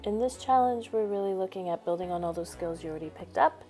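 A woman's voice: mid-range voice, quick pace, a little mellow, faint music behind. A woman teacher narrating a screencast tutorial, explaining each step in an upbeat way. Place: voice-over over a screen recording.

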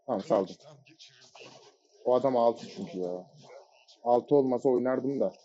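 A man giving live gameplay commentary, excitable and shouting at teammates and enemies in sudden bursts. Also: medium pitch, measured pace, slight background noise. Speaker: gamer playing a ranked match. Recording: dull lo-fi mic audio.

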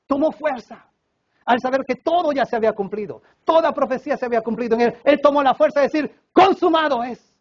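A man preaching a sermon at a church service, swinging between loud emphatic cries and hushed low passages. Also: very fast, few pauses, dull audio. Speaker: pastor.

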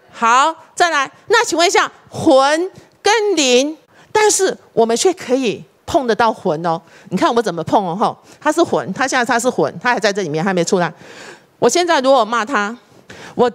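Lively woman preaching to a congregation. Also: a little high. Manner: animated, asks the audience rhetorical questions and directs volunteers. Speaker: church district leader preaching. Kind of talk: interactive sermon with a live demonstration. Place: church service before a congregation.

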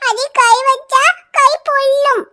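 A bright tiny cartoon girl. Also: level tone, slow pace, exaggerated voice. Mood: soothing. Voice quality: high childlike voice. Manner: earnest, soothing toward her baby brother. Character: little girl, caring older sister. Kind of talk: cartoon voice acting.

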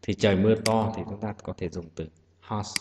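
A man teaching an exam-prep lesson, explaining every answer patiently and step by step. His voice sits on the low side and rings with a long hall echo. A steady hiss runs under the recording, and mouse clicks sound behind him. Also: brisk. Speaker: English teacher. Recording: echoey room with loud hiss.

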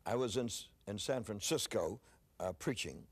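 A man's voice: fairly low pitch, moderate pace, breathy edge. An older man preaching, telling a story in a sermon, often repeating words as he starts a phrase.

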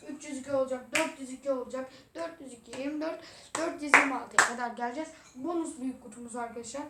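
A woman hosting a gaming video, commenting excitedly as she plays and talking to the game. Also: high-pitched, quick pace, heavy background noise. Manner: excitable, talks to the game, frequent exclamations. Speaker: gaming channel host. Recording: roomy echo.

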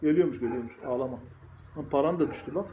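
A man's voice: medium pitch, fast talker, heavy background noise. A man with a Turkish accent, a father teasing his child at home in a playful, repetitive way. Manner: teasing, repetitive, sing-song. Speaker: father in a family vlog. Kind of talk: playful teasing family chat. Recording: echoey, dull home recording.

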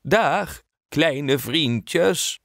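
A man's voice: fairly high pitch, expressive, drawn-out words, creaky, fairly bright tone, no room sound, clean studio sound, voice pushed up, full character voice. A man voicing a friendly elderly man, a retired carpenter, in a children's audiobook. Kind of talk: audiobook character voice.

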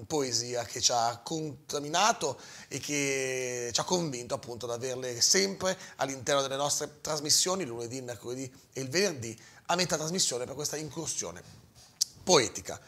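A man's voice: mid-range voice, lively intonation, normal speed, fairly bright tone. A man hosting a morning radio show, chatting casually and introducing guests. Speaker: radio host.

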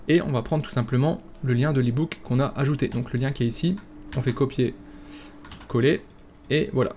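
A man explains a software setup step by step in a relaxed, chatty way, often restarting his sentences and filling pauses. His voice sits at an ordinary middle pitch. Faint background noise and keyboard typing can be heard behind him. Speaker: e-commerce tutorial host. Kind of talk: casual screen-recorded software tutorial.

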